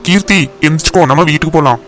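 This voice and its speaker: Man voicing a quick, earnest young village man. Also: on the high side, natural voice. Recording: soft music underneath.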